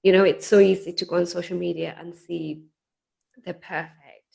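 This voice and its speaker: A woman's voice: on the low side, level tone, moderate pace, creaky, darkish tone. A woman hosting a casual interview podcast, upbeat and encouraging as she asks open questions. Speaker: podcast host.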